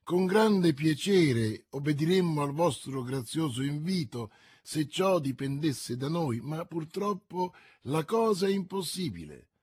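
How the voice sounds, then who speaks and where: A man reading the part of a proud, grave veteran musketeer, husky and measured. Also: on the high side, expressive, darkish tone. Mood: courteous defiance.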